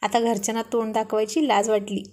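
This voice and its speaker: A woman's voice: a little high, flat delivery, fairly quick, a little mellow, close to an everyday voice. Storybook role: playful young husband, read by a woman, light and teasing.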